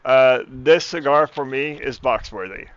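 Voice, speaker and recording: A man's voice: mid-range voice, a little slow, no echo, lo-fi sound. A man co-hosting a casual tasting chat, enthusiastic and often repeating words as he starts a sentence. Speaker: podcast co-host.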